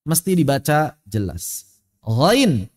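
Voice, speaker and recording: A man teaching Quran recitation in an online lesson, explaining slowly and chanting drawn-out example words. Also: a little high, very animated, big-room sound.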